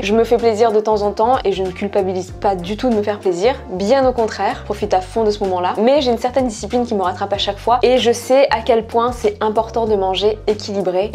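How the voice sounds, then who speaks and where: A woman's voice: mid-range voice, dark tone. A woman talking casually to her viewers while eating a meal, mukbang style, answering questions. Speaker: mukbang vlogger. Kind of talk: casual chatty Q&A to camera.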